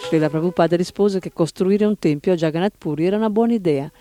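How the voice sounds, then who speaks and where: A man narrating, reading a biography aloud in a steady, even storytelling manner. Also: high-pitched, quick pace, soft background music.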